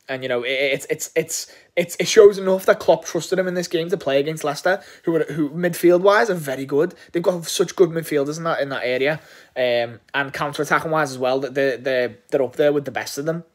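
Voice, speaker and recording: A man's voice: mid-range voice, brisk. A man from England giving an enthusiastic, rambling match reaction, swearing often and restarting his sentences. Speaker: football fan reviewing a match. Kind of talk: casual post-match reaction.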